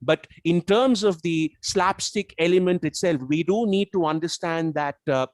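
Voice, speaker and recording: As a guest reviewing a book, a man whose first language is Tamil, from South Asia's Tamil-speaking region, lays out careful arguments in a relaxed analytical chat, often repeating and restarting. He speaks at a moderate pace in a slightly high voice, with no echo on the recording.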